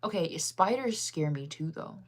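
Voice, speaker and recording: A woman's voice: sits low, lively intonation, unhurried. A young woman from the US, chatting casually on a live stream, laughing often and answering her chat. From United States. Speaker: livestreamer.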